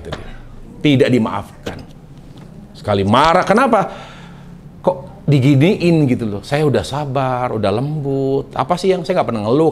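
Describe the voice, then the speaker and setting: A man preaching a sermon, telling a story in a colloquial, animated way and acting out the people in it. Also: on the high side. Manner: animated, colloquial, acts out quotes.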